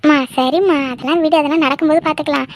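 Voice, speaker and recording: A woman's voice: sits high, steady tone, rapid-fire. A woman voicing a cheeky teenage schoolgirl who answers back to her mother in a cartoon. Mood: defiant.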